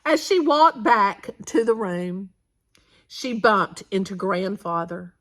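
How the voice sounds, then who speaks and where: A woman reading a children's picture book aloud for storytime. Her voice is bright and clear, and she takes the story at an unhurried pace. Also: medium pitch. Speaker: storytime reader.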